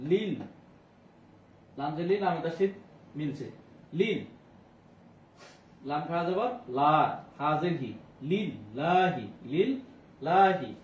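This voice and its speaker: A man teaching a Quran reading class who spells out each letter and vowel mark, then joins them into slow, drawn-out recitation. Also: a little high, darkish tone, recorded from a distance. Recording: echoey room, voice a bit off-mic, faint background hiss.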